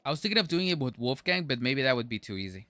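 A man casually commenting on his gameplay to his chat, excitable, with sudden outbursts and stammers. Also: medium pitch, fast, no echo. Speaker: gaming streamer.

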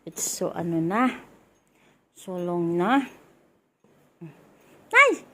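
A woman's voice: fairly low pitch, slow. A young mother vlogging at home, cooing baby talk to her little child. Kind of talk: casual family vlog.

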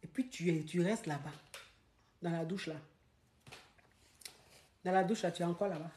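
A woman giving relationship advice in a lively, emphatic monologue, acting out scenes and repeating points for emphasis. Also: fairly low pitch, normal speed, slight background noise.

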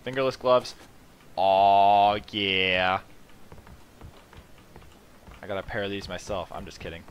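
A man's voice: on the low side, fast talker, a bit bright, a little hiss or hum. A man hosting a casual let's play, thinking aloud with rambling, self-mocking asides. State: sleepy, yawning at the start. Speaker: gaming channel host.

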